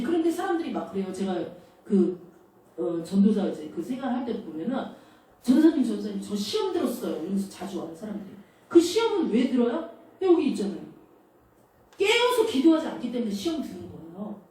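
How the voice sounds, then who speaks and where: A woman's voice: sits high, dark tone. A woman preaching a sermon in a conversational, storytelling manner, acting out quotes as she goes. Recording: echoey hall, distant mic, faint noise.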